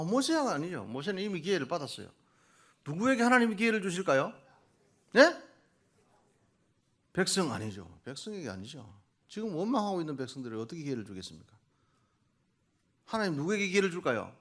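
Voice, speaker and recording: A male missionary preacher giving a Sunday morning sermon, quizzing the congregation and coaxing answers, then building to loud, emphatic peaks. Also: high voice, very animated, normal speed, pauses often.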